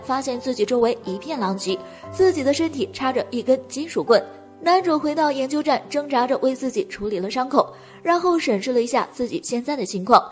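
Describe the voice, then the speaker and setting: A woman reading a scripted movie recap as narrator, talking fast in a continuous delivery. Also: sits high.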